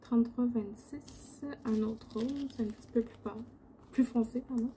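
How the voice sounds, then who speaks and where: A woman's voice: a little high, steady tone, moderate pace, dark tone, slight background noise, low-quality recording. A woman with a Quebec French accent chats casually while crafting, rambling a little in a sleepy morning voice. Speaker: diamond painting video host. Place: indoor home craft setup.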